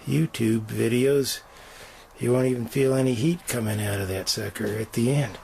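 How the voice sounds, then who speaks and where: An older man giving a casual do-it-yourself demonstration inside a small greenhouse, talking in an unhurried, folksy way full of fillers. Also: medium pitch, vocal fry, dark tone. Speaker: homesteader showing his build. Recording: noisy camera audio.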